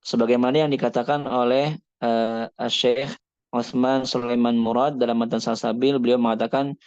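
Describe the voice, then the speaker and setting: A man's voice: mid-range voice, level tone, normal speed, a little mellow, smooth, no room sound, lo-fi sound. A man teaching a kitab study lesson on Quran recitation, explaining step by step, asking and answering his own questions, and reciting Arabic passages.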